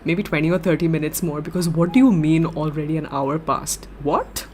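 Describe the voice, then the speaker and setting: A young woman streamer chats casually with her audience, reading their comments aloud. She giggles constantly and gushes with excitement. Her voice sits a little low for a woman. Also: moderate pace, slight background noise. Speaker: livestreamer. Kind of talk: casual livestream chat reading viewer comments.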